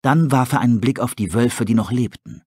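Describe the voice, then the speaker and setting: A man reading an audiobook aloud in measured, steady storybook narration. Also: mid-range voice, husky, no echo, studio quality. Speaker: audiobook reader.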